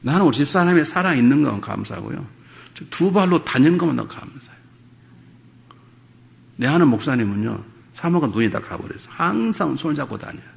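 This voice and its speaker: A man's voice: fairly high pitch, animated, brisk, vocal fry. A middle-aged male pastor preaching a revival sermon, moving between humorous storytelling and fervent exhortation.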